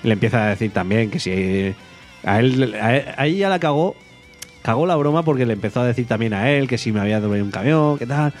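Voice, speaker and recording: Man, casual storytelling, mid pitch, faint guitar music. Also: quick pace. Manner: animated, laughing, shrill acted quotes. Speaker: podcast co-host.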